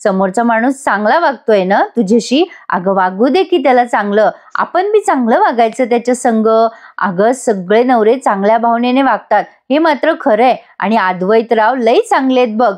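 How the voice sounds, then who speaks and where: A woman's voice: a little high, animated, normal speed, hardly any pauses, a little mellow, close to an everyday voice. A woman voicing a fussing mother who dotes on her son-in-law and scolds her daughter. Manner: scolding, nagging, rustic turns of phrase.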